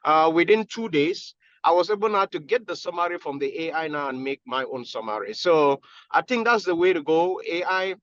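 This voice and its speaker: A man speaking on a phone call from his car while driving, giving a relaxed explanation as a panelist in a discussion. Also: on the high side, moderate pace, no room sound. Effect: speaking on a phone call from a moving car. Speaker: panelist in an online health-care discussion. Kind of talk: conversational explanation on a video call.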